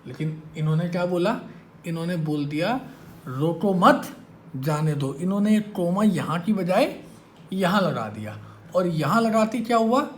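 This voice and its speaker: A man's voice: high-pitched, lively intonation, normal speed. Guy teaching maths to a class, jokes around and quizzes the kids, bit of hiss. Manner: teasing, quizzes students with questions. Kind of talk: classroom lecture. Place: classroom with students.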